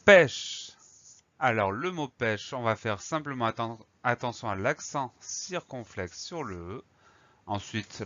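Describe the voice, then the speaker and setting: Low-voiced man spelling words for kids. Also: fairly bright tone, no echo, dull audio. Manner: patient, spells words letter by letter. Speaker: primary school teacher. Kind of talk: spelling lesson for children.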